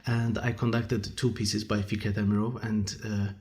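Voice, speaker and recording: A man from Azerbaijan with an Azerbaijani accent, speaking as an interview guest in casual, halting English and searching for words. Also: on the low side, little pitch movement, a little mellow. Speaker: guest, musician and conductor.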